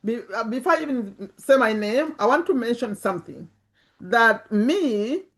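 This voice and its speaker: Addressing the camera and an online group, this personal finance YouTuber and community host delivers a casual pep talk, repeating words to drive points home. She's in her fifties with a Ugandan accent, and her slightly high voice moves a little slowly with lively intonation.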